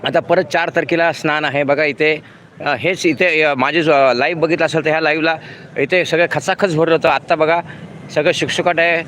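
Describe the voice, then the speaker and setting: A man's voice: on the high side, fairly even intonation, fairly quick, fairly bright tone, slight background noise. A man in his fifties chatting to viewers on a live vlog while walking a road at night, full of fillers and restarts. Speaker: vlogger. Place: outdoors on a city road at night.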